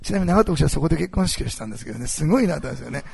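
A male pastor delivering a sermon in a heavily gravelly, husky voice. He talks fast and his pitch leaps around, with sudden loud bursts and hushed asides. The sound is dry and close. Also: dry recording. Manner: animated, swings between loud and hushed. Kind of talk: sermon with storytelling.

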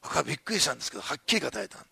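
A man's voice: medium pitch, big pitch swings, rapid-fire, gravelly, bright, forceful tone, slightly rough, no room sound. A man preaching a sermon in a conversational storytelling way, with chuckling asides. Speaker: pastor.

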